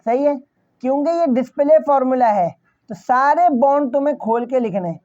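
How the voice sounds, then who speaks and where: In this dry recording with the highs cut off, a man with a very high, slightly mellow voice delivers a chemistry lecture at normal speed. He asks questions, answers them on his own, repeats key phrases, and speaks straight to the class.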